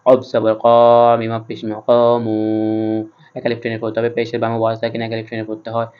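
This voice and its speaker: A man teaching Quran reading, spelling the text out letter by letter in a slow, methodical way. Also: medium pitch, completely flat delivery, clear, resonant tone, dull audio. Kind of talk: spelling-out Quran recitation lesson.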